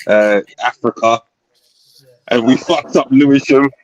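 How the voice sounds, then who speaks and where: A man's voice: mid-range voice, measured pace, highs cut off. A man bantering casually as a guest on an online panel.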